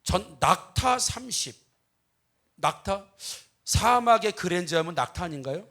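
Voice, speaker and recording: A man's voice: high voice, animated, a little slow, pushed and bright. A male pastor giving a humorous sermon, telling a Bible story with comic asides and acting out its dialogue. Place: church.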